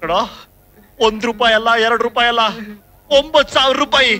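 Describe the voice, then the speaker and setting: An actor playing an exasperated man who scolds and questions a bumbling helper in an expressive way, in a film comedy scene. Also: extremely high pitch, moderate pace. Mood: angry. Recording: film soundtrack with faint music.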